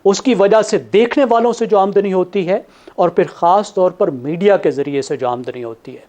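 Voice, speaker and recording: A man giving measured panel analysis, laying out his points one by one. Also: high-pitched, dark tone. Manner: methodical, counts points in order.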